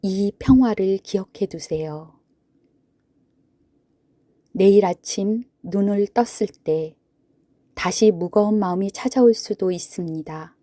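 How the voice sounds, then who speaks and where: A woman gently narrating a sleep meditation in a soothing, hushed manner, with long pauses between phrases. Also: mid-range voice, no room sound. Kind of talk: sleep story narration, guided Buddhist relaxation.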